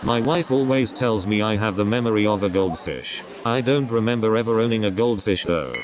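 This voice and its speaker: A man doing a stand-up comedy routine, delivering deadpan one-liners one after another. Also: fairly low pitch, a little fast, very noisy. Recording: crowd laughter in background. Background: audience laughter.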